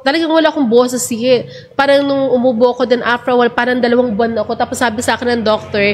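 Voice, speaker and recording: A woman's voice: fairly high pitch, fairly even intonation, fast, darkish tone, big-room sound, a little hiss or hum. A woman hosting a casual religious talk, chatty and earnest, switching between Tagalog and English. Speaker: church program host.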